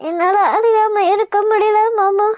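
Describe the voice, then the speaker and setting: A woman's voice: very high voice, normal speed, no room sound, clean studio sound. A woman voicing a devoted young wife in a cartoon, clingy and pleading. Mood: tearful.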